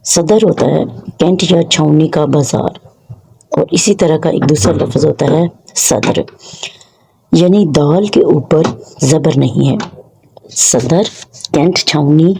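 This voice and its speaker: A channel host teaches pronunciation in a patient, explanatory way, saying each word slowly and then again. The voice is mellow and somewhat husky. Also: medium pitch. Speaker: Urdu language teacher. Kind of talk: pronunciation lesson for a video channel.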